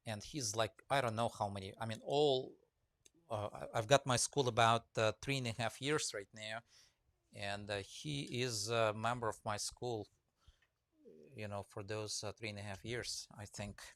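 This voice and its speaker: Live-streaming, a Russian-accented man who teaches woodcarving rambles casually, packing in fillers, reading out comments, and greeting viewers by name. His voice is lowish, steady, and a bit bright at a moderate pace, with no echo.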